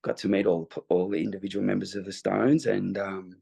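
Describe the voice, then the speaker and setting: Low gravelly man telling stories haltingly. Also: flat delivery, warm tone. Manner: rambling, hesitant storytelling. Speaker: guest musician. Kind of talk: interview anecdote.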